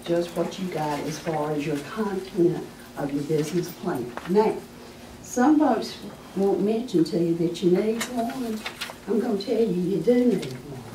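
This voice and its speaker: A woman presenting to an audience as a small business adviser, folksy and emphatic, her voice hoarse as she keeps clearing her throat. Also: fairly low pitch, lively intonation, measured pace, mellow, a little hiss or hum. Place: meeting room with an audience. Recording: echoey room from far off.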